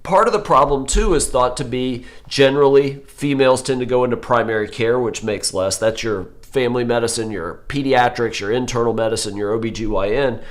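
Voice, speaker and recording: This host is a man in his forties, an orthopedic surgeon running a live health program, whose medium-pitched voice is going hoarse with a cold. He talks briskly with few pauses, rambling, fixing his own slips, and filling gaps with fillers.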